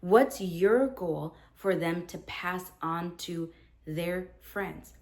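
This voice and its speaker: In a lowish voice and very slowly, a woman teacher in her thirties talks earnestly with other teachers about how she runs her classroom. She's animated, acting out lines she says to students.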